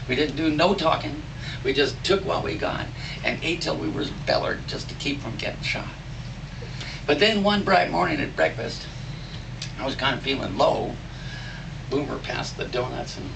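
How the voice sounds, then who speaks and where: A man recites cowboy poetry in a folksy drawl, like a storyteller spinning a yarn. His voice is heavily creaky and gravelly, with animated rises and falls. It is a live recording, picked up from a distance with clear background noise. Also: mid-range voice. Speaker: cowboy poet. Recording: distant mic, noisy live room.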